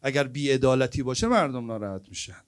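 A man preaching a storytelling sermon at an evening gathering, swinging between loud stressed words and hushed asides. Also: medium pitch, expressive, smooth.

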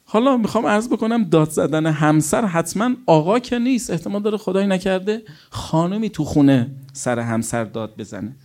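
A man's voice: high voice, animated, darkish tone. A middle-aged man, a cleric, preaching a sermon with anecdotes told as quoted dialogue and rhetorical questions to his listeners.

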